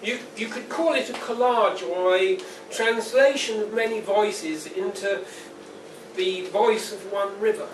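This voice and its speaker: At a book launch in an indoor pub, a man reads his poetry in public after an informal introduction, delivering it in a deliberate, dry, wry way. His voice is high-pitched. The distant mic picks up an echoey, noisy live room.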